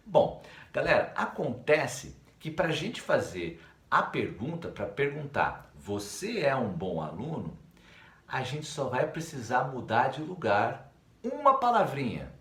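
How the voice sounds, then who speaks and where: A Brazilian man with a Brazilian Portuguese accent teaching a recorded English lesson to young pupils, in an upbeat sing-song teacher voice that models English words slowly. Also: medium pitch, big pitch swings, fairly bright tone. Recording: echoey room.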